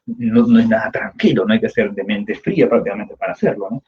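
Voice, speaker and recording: A man teaching literature in a lively storytelling lecture, acting out scenes with sound effects and tag questions. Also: on the low side, brisk. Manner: acts out scenes with sound effects and character voices, frequent "¿no?". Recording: slightly dull, faint background noise.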